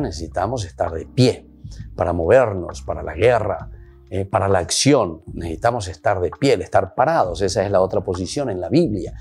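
A Paraguayan priest offers a sermon reflection in Spanish mixed with Guarani, his voice rising emphatically. It sits on the low side, warm and husky.

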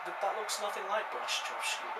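A man's voice: high-pitched, animated, fairly quick. A man, casually bantering and teasing friends while playing a football video game. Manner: teasing, laughs often. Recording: roomy, noisy home recording.

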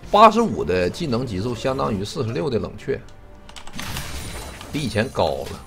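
A man's voice: medium pitch, moderate pace, vocal fry, faint music behind. A man giving live commentary on his own game, cursing and joking wryly as he plays. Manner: animated, cursing, wry running commentary. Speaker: game streamer.

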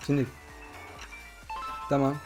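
This gaming host speaks slowly in a dark tone, chatting casually with a friend during a let's-play. He's bossy, giving orders and grumbling, while background music runs under his voice.

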